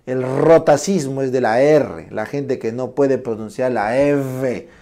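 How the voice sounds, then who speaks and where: A male lecturer with a gravelly, mellow voice. He explains each term slowly and acts out examples. He keeps checking in with his class through short tag questions. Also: medium pitch.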